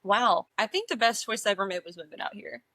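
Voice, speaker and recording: A woman's voice: medium pitch, quick pace, pushed and bright, no echo. A young woman co-hosting a podcast in casual, chatty talk, giggling often and using lots of filler words. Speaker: podcast co-host. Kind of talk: casual chat.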